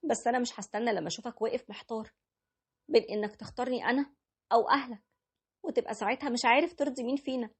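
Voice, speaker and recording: A woman voicing a gentle, gracious young bride in a told story, speaking softly and politely. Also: fairly high pitch, racing, husky, voice pushed up. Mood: hurt. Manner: soft, polite pleading. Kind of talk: storytelling with character voices.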